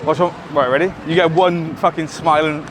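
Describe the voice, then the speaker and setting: A man's voice: on the high side, fairly even intonation, normal speed, a crowd in the background. A British man hosting a vlog with casual, slangy banter, swearing freely. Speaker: vlog host and race runner. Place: outdoors in a street before a race. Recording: outdoor city noise, music behind.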